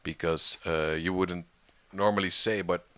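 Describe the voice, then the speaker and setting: A man's voice: low-pitched, steady tone, a little slow, bright, forceful tone, clear, resonant tone, no room sound. A man being interviewed about organizing an online music community, talking casually with many fillers and restarts.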